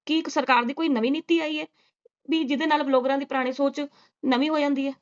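A woman's voice: sits high, steady tone, quick pace, lo-fi sound. A woman doing sarcastic reaction commentary, scolding and mocking with rhetorical questions. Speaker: reaction vlogger.

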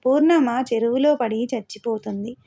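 A woman voicing an earnest, resolute young village schoolgirl in a storybook reading, in a mellow voice. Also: on the high side, moderate pace, creaky.

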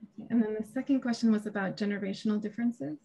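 A woman in her thirties presents her research over a video call from a small home room. She speaks casually with fillers and light laughter, in a mid-pitched voice with a noticeable gravelly fry. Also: fast, mellow. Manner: casual, hesitant, laughs often. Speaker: academic presenter. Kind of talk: conference presentation and Q&A. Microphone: video call webcam.

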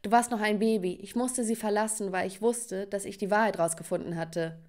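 A woman reads a father in hiding who urgently pleads with his daughter. He sounds earnest and anxious. He speaks in an animated storybook. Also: mid-range voice, a little fast, close to an everyday voice. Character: desperate hiding father on phone.

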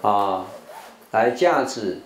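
A man's voice: lowish voice, animated, drawn-out words, a crowd in the background. An older man, a Buddhist monk from Taiwan with a Taiwanese Mandarin accent, teaching English words and leading call-and-response drills, sometimes slipping into Taiwanese Hokkien. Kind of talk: televised vocabulary lesson. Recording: roomy hall with faint background noise.

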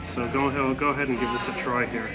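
A man's voice: medium pitch, little pitch movement, fast, crowd noise, rough recording. A middle-aged man hosting a casual travel vlog, reviewing cafe food in a chatty way with frequent fillers, filmed at arm's length at a cafe table. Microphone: handheld camera at arm's length. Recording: music playing under the voice.

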